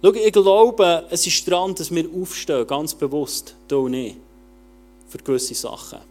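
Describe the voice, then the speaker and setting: A man preaching a casual, colloquial sermon, talking straight to the listener and swinging between loud urging and quiet intensity. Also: a little high, lively intonation, a little slow.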